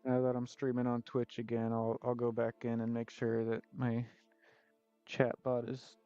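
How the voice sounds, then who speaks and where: A man's voice: mid-range voice, monotone, normal speed, warm tone. A man, an artist, chatting casually on a live stream while he paints, joking about himself and rambling between laughs. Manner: joking, self-deprecating, rambling with frequent laughs. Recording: slightly muffled stream audio with faint music.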